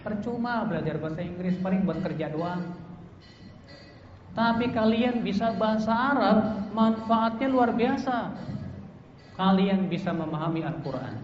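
A man preaches to students in a relaxed, conversational way and asks them questions. His voice sits fairly high. The hall echoes around him, and the sound is slightly dull. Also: unhurried, pauses often. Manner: casual, addresses students directly with questions. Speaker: Islamic preacher. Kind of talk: religious study talk to students.

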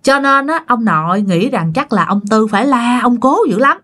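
Speaking a little high with lively intonation at a normal pace, a woman with a Southern Vietnamese accent tells a ghost story. Her slightly bright voice stays chatty as she talks straight to her listeners.

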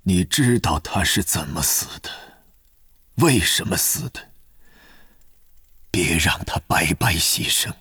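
A man voicing a calm, gentle elderly headmaster wizard in an audiobook, soft and measured. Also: low-pitched, husky, no room sound, clean studio sound, pitched below the performer's own voice, exaggerated voice. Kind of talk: audiobook character voice.

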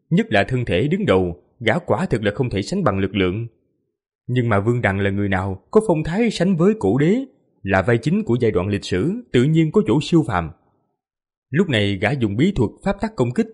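A male audiobook narrator telling a fantasy battle epic with vivid, emphatic delivery. His voice is husky and slightly breathy, and his pitch swings widely to drive the action. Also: a little mellow. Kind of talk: dramatic fantasy novel narration.

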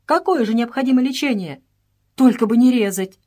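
A woman's voice: a little high, moderate pace, warm tone, voice pushed up, natural voice. A woman doing a fussy, aggrieved English servant man. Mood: alarmed. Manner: indignant, plaintive complaining.

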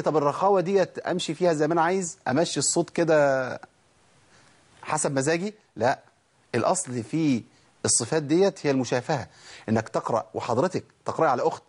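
A man's voice: on the high side, a little mellow, slightly rough. An Egyptian man teaching Quran recitation, drilling letter sounds aloud and asking and answering his own questions. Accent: Egyptian Arabic. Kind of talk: tajweed lesson.

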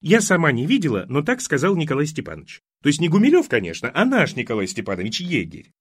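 A man voicing a fussy, scatterbrained elderly mother in an audiobook, talking in a high, rambling, emphatic way. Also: wildly swooping pitch, quick pace, slightly rough, dry recording, clean studio sound, heavily acted. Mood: fussing. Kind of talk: audiobook character voice.

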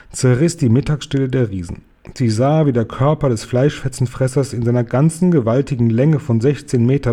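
A man reading a children's storybook aloud, slowly and expressively. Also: medium pitch. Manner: slow, careful, expressive. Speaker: reader.

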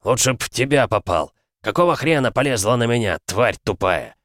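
A man voicing a cruel middle-aged father who snarls insults in a loud, raised voice. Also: medium pitch, expressive, a little fast, no echo, studio quality, voice pushed up, lightly acted. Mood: contemptuous.

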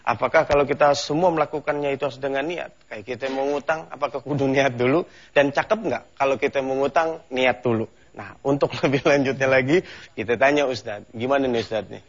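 A man's voice: medium pitch, fairly quick. A man hosting a religious TV program, opening formally and then bantering casually. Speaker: TV program host. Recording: dull lo-fi TV broadcast sound.

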